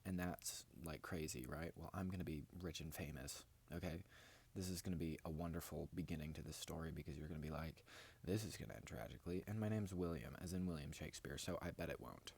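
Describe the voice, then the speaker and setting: Husky low-voiced man rambling. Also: brisk, few pauses, a little mellow. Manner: rambling, grandiose, talks straight to viewers. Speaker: vlogger. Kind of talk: casual vlog monologue.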